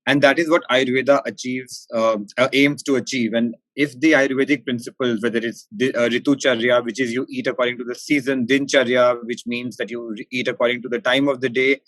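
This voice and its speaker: Interview guest: male, posh Indian accent, formal and articulate, pausing to think, very dry close sound. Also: mid-range voice, flat delivery, a bit bright, no echo, poor audio. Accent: posh educated Indian. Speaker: interview guest, company managing director. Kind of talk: interview answers, considered and explanatory.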